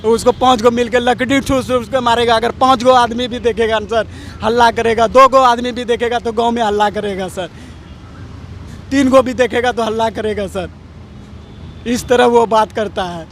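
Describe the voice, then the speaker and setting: Pleading high-voiced man interviewed outdoors. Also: fairly even intonation, normal speed, fairly bright tone, a little hiss or hum. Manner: pleading, aggrieved. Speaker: victim's brother.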